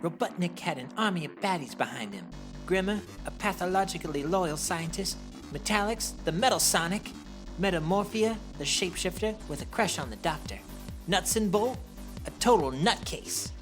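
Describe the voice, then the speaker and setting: A woman's voice: lowish voice, lively intonation, normal speed, music in the background, lightly acted. A woman playing a cocky young male hedgehog hero, narrating a comic dub with casual, wry asides.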